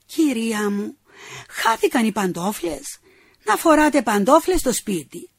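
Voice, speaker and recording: A woman's voice: on the high side, very animated, vocal fry, husky, no echo, full character voice. A woman voicing a fussy, irritable older man who complains about his neighbours' noise, in a read-aloud humorous story. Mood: irritated.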